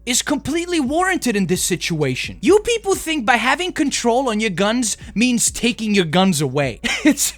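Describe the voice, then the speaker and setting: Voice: mid-range voice, very animated, moderate pace, hardly any pauses. A commentary host reacting to clips in a sarcastic, mocking way.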